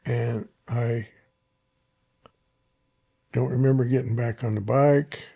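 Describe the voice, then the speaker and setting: Gravelly, husky older man chatting haltingly. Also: mid-range voice, fairly even intonation, mellow. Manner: halting, repeats his words. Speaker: podcast host and therapist. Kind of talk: casual conversation.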